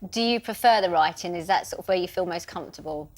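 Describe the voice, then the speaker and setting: A woman's voice: on the low side, fast. A British woman co-hosting a television chat segment, asking questions in a casual, conversational style. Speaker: television show co-host.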